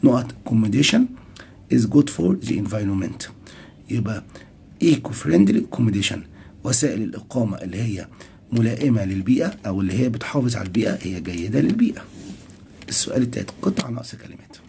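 A male English teacher with an Egyptian Arabic accent talks through a textbook lesson. His voice is gravelly and dark. He reads English phrases slowly and then translates them quickly, with a faint hiss behind him. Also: on the low side, big pitch swings. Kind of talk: classroom lesson explaining a textbook.

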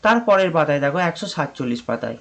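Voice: medium pitch, expressive, quick pace. A primary school teacher giving an online lesson, talking patiently and repeating words, spelling them out letter by letter.

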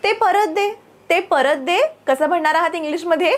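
A woman with a Marathi accent teaching spoken English. She says each English phrase slowly and twice for learners to repeat, and in between she gives quick, encouraging explanations. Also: very high voice, noisy background. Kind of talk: bilingual spoken-English drill lesson.

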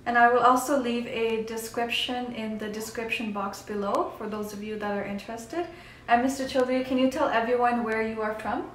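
A woman's voice: fairly high pitch, steady tone, fairly quick, fairly bright tone, roomy sound, a little hiss or hum. A young woman, a channel host, politely asking interview questions and closing the video, indoors. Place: living room, then a dining room.

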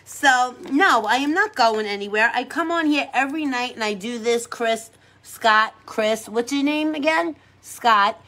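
A middle-aged woman with a strong New York accent chats on her livestream while doing her makeup. She talks in a brash, chatty way, laughs easily and repeats her own lines. Her voice sits a little high for a woman. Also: a little slow, hardly any pauses, pushed and bright. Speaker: livestream host. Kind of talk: casual live chat while doing makeup.

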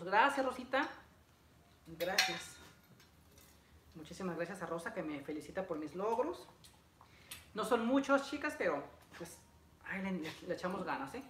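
High-sitting and fairly bright, the voice belongs to a young adult vlogger assembling furniture by hand in his living room. He chats casually and repetitively with livestream viewers, reading out greetings and repeating phrases. A camera several feet away records the echoey room along with noise and clicks.

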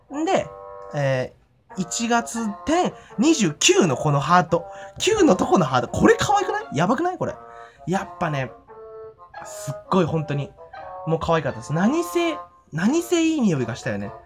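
A man giving an excited, giddy and rambling fan report from home, full of fillers and giggles. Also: high voice. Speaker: fan vlogger. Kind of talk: casual event report vlog. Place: at home after the event.

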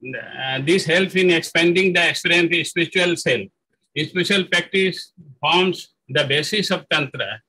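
A man with a high, bright voice gives a spoken lecture on spiritual practice. He halts often, fills gaps with "uh" and corrects himself mid-phrase. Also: poor audio. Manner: halting, with frequent fillers and self-corrections.

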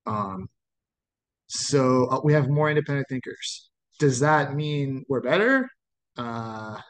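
A man's voice: mid-range voice, low-quality recording. Casual rambling male lecturer. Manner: casual, rambling, checks in with "right?". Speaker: sociology lecturer. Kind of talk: informal recorded lecture.

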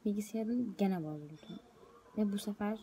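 A woman's voice: medium pitch, normal speed, warm tone, a little hiss or hum. A young woman talking casually to her viewers in a vlog, chatty and addressing them directly. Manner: chatty, speaks straight to viewers. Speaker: vlogger. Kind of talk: casual vlog talk to camera.

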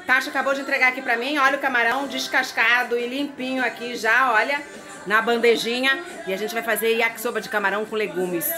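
With a quick pace, a sharp tone, and fairly even intonation, this woman in her forties from Brazil speaks in a highish voice. She cooks at home and chats straight to the camera of a phone held close, while a pan sizzles and music plays in this casual vlog.

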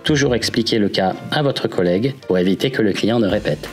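A man's voice: on the low side, brisk. A man giving scripted instructional narration for a training video. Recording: faint background music.

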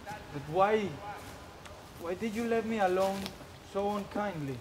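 A woman's voice: medium pitch, measured pace, background noise, natural voice. An actress playing Hermia, a short, fiery young woman who turns from bewildered to fiercely accusing. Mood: hurt. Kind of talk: outdoor stage acting.

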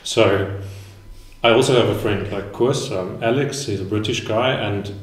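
Thirties male panel guest, candid and relaxed, set back from an echoey mic. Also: fairly low pitch, measured pace. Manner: frank, casual, laughs easily. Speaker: guest photographer. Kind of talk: live panel discussion. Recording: roomy echo, distant mic.

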